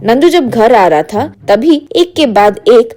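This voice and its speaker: A woman's voice: fairly high pitch, lively intonation, slow, dark tone, soft background music. A woman narrating a cartoon story steadily.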